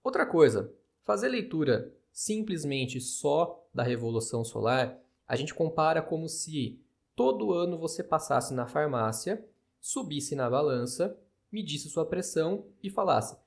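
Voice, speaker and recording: Unhurried and very animated, this podcast-hosting astrologer has a high-side voice with vocal fry and a Brazilian Portuguese accent. His casual monologue is chatty and skeptical, peppered with tag questions.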